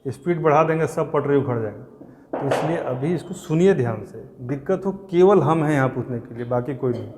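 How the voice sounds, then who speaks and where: A man's voice: mid-range voice, a little mellow, a little hiss or hum. Man teaching a classroom. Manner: repeats terms slowly, quizzes and scolds students. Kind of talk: classroom lecture to exam students. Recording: reverberant classroom.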